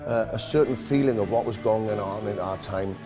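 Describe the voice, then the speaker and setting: A man's voice: on the low side, normal speed, over music. A Welsh man in his fifties, an entertainer, answering interview questions in a jokey, self-deprecating way. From Wales. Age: 50s.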